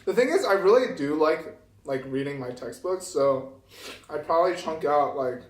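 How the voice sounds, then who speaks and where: Eating as he talks, a young vlogger with a fairly high voice and lively intonation answers questions casually at normal speed, humming "mm" between thoughts. He's indoors at a meal, recorded from a distance in an echoey room with some faint noise.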